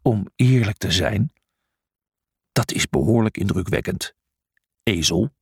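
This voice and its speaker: A man voicing a cold, threatening male guard who speaks slowly and menacingly. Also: lowish voice, expressive, creaky, a little mellow, husky, dry recording, clean studio sound, pitched below the performer's own voice, full character voice. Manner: slow, menacing.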